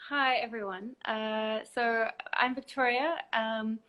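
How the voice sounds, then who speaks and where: A woman with a fairly high voice speaks as a guest in a live online chat. She explains things calmly and methodically, one step at a time, in a measured instructive way. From South Africa. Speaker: abortion help desk counsellor, guest expert.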